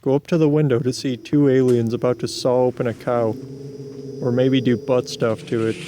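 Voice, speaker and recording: A man reading scripted video game narration in a deadpan manner, with casual asides. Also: mid-range voice, normal speed, slight background noise.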